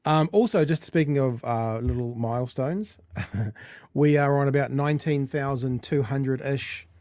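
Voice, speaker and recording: A man's voice: medium pitch, measured pace, darkish tone, no room sound, clean studio sound. A man with a New Zealand accent hosting a talk show in casual, conversational live chat.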